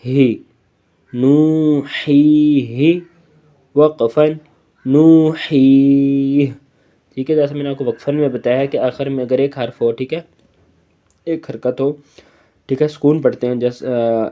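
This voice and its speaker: Male reading teacher, mid-pitched, patient, stretches syllables for kids; slightly muffled lo-fi audio. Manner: patient, repeats "okay?" often, drawls syllables when reciting. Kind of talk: slow recitation lesson for children.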